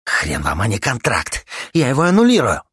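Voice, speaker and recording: A husky, high-pitched hothead, played by a male audiobook reader, splutters and shouts in slurred outrage. His pitch leaps wildly from line to line. The sound is close and dry. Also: big pitch swings, very slow, dry recording, exaggerated voice. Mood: furious. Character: hot-tempered man, jaw knocked askew, yelling. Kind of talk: audiobook character voice.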